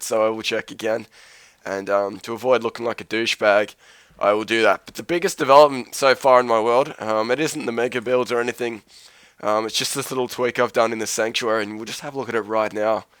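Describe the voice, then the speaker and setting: A man's voice: on the low side, a bit bright, dry recording. Sick-voiced man rambling over gameplay. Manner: rambling, profane, self-mocking. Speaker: Let's Play host. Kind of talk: casual gameplay commentary.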